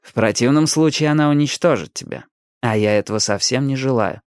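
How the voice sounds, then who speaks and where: A reader voicing a smug, scheming teenage ghost boy who talks smoothly and deliberately in an audiobook. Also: mid-range voice, dry recording, studio quality, natural voice. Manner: smooth, self-satisfied, measured. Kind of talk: audiobook character voice.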